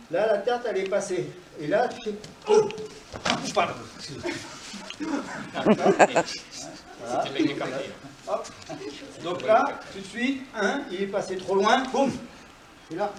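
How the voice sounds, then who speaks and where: A man leads a self-defense class in a dojo, explaining each move as he shows it and marking strikes with quick sound words. His voice sits a little high and carries around a roomy hall, picked up from some distance. A faint class ambience stays in the background. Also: slight background noise. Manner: explains while demonstrating moves, punchy sound words. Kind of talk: live class demonstration. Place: dojo, indoors.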